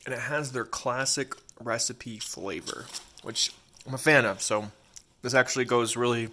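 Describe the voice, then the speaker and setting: A man's voice: mid-range voice, fairly even intonation, normal speed, bright, forceful tone, a little hiss or hum. A man giving a casual food review while eating crunchy fried chicken.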